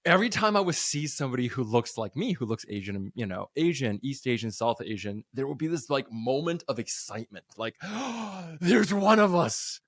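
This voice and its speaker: A man hosts a casual interview podcast, his pitch swinging widely as he talks. He sounds upbeat and laughs easily. The sound is dry and close, with no room around it. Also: normal speed, hardly any pauses, no room sound. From North America. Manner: animated, laughs often, upbeat. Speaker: podcast host.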